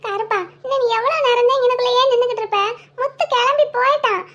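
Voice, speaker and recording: Lady doing a gentle consoling cartoon friend, really high voice. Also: quick pace. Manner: soothing, coaxing.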